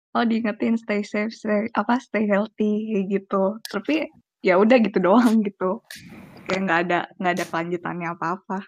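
A woman's voice: mid-range voice, no echo. A young woman in her twenties chats in an easygoing way. Her voice comes through somewhat dull and very dry, with no room sound at all. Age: 20s. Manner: easygoing with small laughs. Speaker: student. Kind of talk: casual chat.

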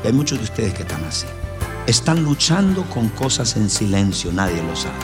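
A man preaching a sermon as pastor, telling stories emphatically with his voice swinging high and low. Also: very animated, a little fast, music in the background. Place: church hall. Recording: roomy hall reverb with faint ambience.

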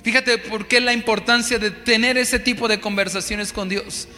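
A male pastor preaching in a high, very bright voice, earnest and repetitive. He keeps asking his listeners rhetorical questions. His sermon rings out in a hall with a long reverb and faint music underneath. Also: steady tone, normal speed.

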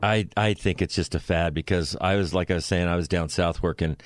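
Joking middle-aged man, low dry voice. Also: fairly even intonation, a little fast, dry recording. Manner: joking, blunt, tells stories with acted-out quotes. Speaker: co-host. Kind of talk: casual chat.

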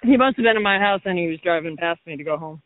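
A man chatting casually as a podcast co-host in a deadpan, teasing way, talking outdoors near a road. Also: sits high, quick pace. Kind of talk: casual chat. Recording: tinny, dry phone line.

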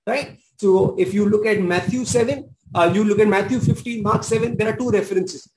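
High-voiced preacher, emphatic. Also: male voice, fairly quick, background noise. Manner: emphatic, repeats key phrases, exclaims. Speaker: pastor. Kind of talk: sermon.

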